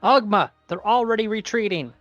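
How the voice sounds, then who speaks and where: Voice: mid-range voice, normal speed, dry recording, muffled recording, faint music behind. A player in a tabletop fantasy game, bantering casually with the group.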